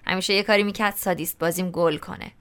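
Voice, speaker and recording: A woman's voice: on the low side, fairly even intonation, fairly bright tone, clear, resonant tone. A woman narrating a novel in the first person, in a colloquial, conversational storytelling style. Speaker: audiobook narrator.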